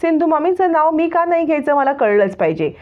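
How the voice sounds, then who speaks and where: A defiant, sharp-tongued teenage girl, put on by a woman retelling a story speaks in a high, pointed voice. She fires off questions in quick bursts. The sound is thin and phone-like. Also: animated, natural voice. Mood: indignant.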